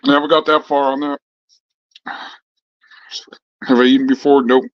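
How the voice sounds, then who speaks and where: A man's voice: mid-range voice, little pitch movement, moderate pace, no echo, muffled recording. Laid-back slangy man on a live stream. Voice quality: slangy, swears freely. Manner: laid-back, laughs often while telling stories. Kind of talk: casual live-stream chat answering viewers.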